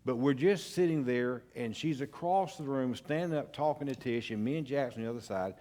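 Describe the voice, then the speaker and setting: Older pastor telling a story. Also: male voice, mid-range voice, warm tone. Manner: folksy, unhurried storytelling with pauses and restarts. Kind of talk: storytelling sermon. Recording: long church hall reverb.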